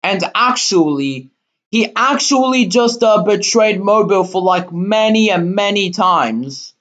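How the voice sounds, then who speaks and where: A man hosting his own channel, delivering an indignant, rambling rant full of fillers and halting restarts, with sudden outbursts. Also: high-pitched, animated, a bit bright. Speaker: channel host. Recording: dull lo-fi recording.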